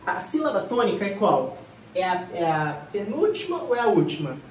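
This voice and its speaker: A woman teaching a grammar class for an exam, who asks the class questions and answers them herself in a lively way. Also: lowish voice, moderate pace, a little hiss or hum. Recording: echoey room, voice from far off.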